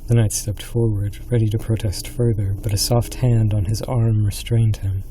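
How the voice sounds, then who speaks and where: A man's voice: lowish voice, little pitch movement, moderate pace, mellow, slight background noise. A man reading a scripted horror story as a dramatic narrator.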